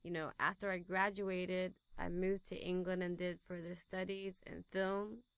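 A relaxed young woman from Taiwan talks as a guest in a casual interview. Her voice sits low with a gravelly fry. The sound is dry and close. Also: a little slow, no room sound. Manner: relaxed, laughs easily. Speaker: guest filmmaker.

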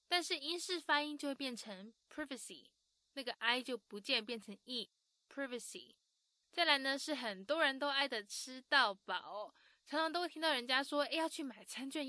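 A woman hosts a language lesson in a bright, fairly high voice. She explains pronunciation like a teacher and slows down to model each example word. The sound is dry and close to the mic. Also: dry recording. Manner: lively, teacherly, models words slowly. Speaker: language-learning show host.

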